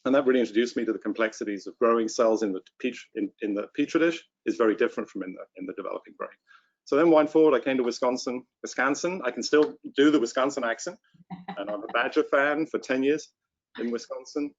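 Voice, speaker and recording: A man with a British accent, a scientist guest, answering questions in a relaxed, anecdotal way. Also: mid-range voice, fast talker, dull audio. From England. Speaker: stem cell scientist guest. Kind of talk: conversational interview answer.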